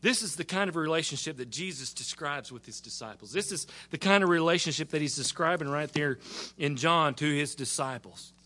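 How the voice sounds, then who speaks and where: Man, pastor, folksy sermon, repeats words, fervent peaks, slightly high pitch. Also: fairly quick, bright, forceful tone.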